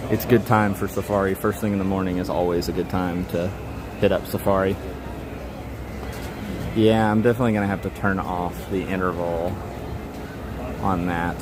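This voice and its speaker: A man hosting a casual, rambling livestream outdoors, chatting in a self-deprecating way. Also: deep voice. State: hot and sweaty. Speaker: livestream host. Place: outdoors at a busy theme park. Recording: loud outdoor park and vehicle noise.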